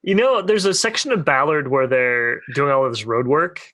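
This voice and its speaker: A young podcast co-host with a mid-range voice talks at normal speed, his tone pushed and bright. He's telling a long, rambling story crammed with fillers, the loose storytelling of friends hanging out, recorded dry.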